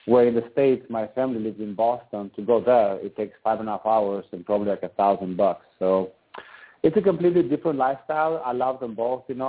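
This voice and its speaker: Rambling man on a tinny phone line. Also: on the low side. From Albania. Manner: rambling, says "you know" constantly. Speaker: professional volleyball player, guest. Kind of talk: casual phone interview. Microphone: phone call.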